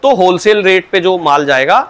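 A man's voice: sits high, normal speed, fairly bright tone. A man explaining his products in an interview, patient and salesman-like, starting his answers with a polite "sir, look". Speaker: cow mat dealer.

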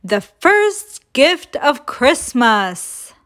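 A woman's voice: fairly high pitch, sing-song, slow, heavily acted. A woman reading the lines of a jolly, kindly old Santa in a children's storybook, in a cheerful, friendly way. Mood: proclaiming.

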